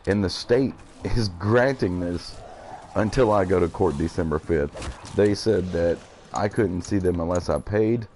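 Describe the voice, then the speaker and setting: A man's voice: low voice, a little slow, a little mellow, a little hiss or hum. A man in his thirties talking on a live game stream, blunt, profane and emotional as he vents.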